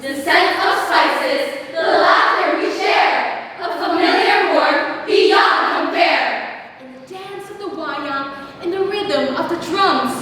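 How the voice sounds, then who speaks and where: Young women in their teens with recite dramatic rhymed verse in unison as a choral speaking team, in a theatrical, emphatic manner. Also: female voice, very high-pitched, slow pace, pushed and bright. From Indonesia. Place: large echoey hall, recorded from far off. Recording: echoey hall, distant mic, background noise.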